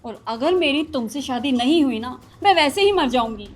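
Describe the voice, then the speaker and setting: An actress playing a loving young wife who speaks emotionally and pleadingly. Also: female voice, high voice, animated, normal speed, soft background music. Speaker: actor in a short drama. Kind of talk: Hindi short-film acting.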